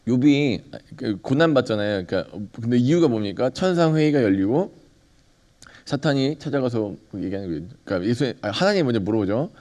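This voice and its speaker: A man's voice: medium pitch, lively intonation, fairly quick, darkish tone. A man preaching a sermon as pastor, talking conversationally, asking the congregation questions and acting out bits of dialogue.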